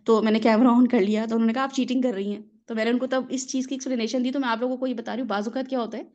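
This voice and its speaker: Speaking on the high side with a steady, slightly mellow tone, this mother of children teaches religion in a chatty way. She explains patiently through everyday examples and keeps checking in with her audience, though the recording is muffled.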